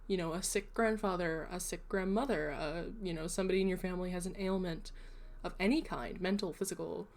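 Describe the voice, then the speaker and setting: A woman's voice: on the low side, steady tone, brisk. Chatty woman streamer rambling with asides. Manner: rambling and self-deprecating, with frequent asides; chatty and explanatory, addressing viewers. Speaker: livestream host. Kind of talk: casual livestream chat.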